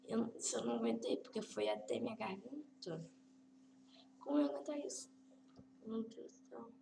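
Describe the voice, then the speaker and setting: A woman's voice: a little high, normal speed, gravelly, warm tone, slight background noise. A woman doing let's play commentary, squeamish, exclaiming often and reading game prompts aloud. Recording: roomy echo.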